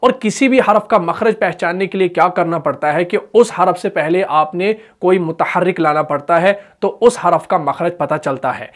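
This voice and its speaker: Man, Pakistani Urdu accent, high voice, recitation teacher, slow drawn-out example words. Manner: asks questions then answers them, drawn-out example recitations. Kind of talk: tajweed lesson.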